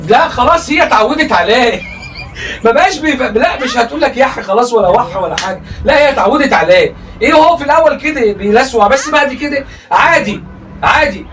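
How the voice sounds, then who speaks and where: A man's voice: very high-pitched, expressive, quick pace, recorded from a distance, background noise. A man with an Egyptian accent doing comic commentary on clips, teasing and laughing often. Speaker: comedy commentator reacting to clips.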